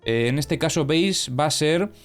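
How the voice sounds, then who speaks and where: A man's voice: fairly high pitch, expressive, a little slow, faint music behind. A young man hosting crypto news and analysis, talking in a chatty, explanatory way with many fillers and self-corrections. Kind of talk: casual news commentary.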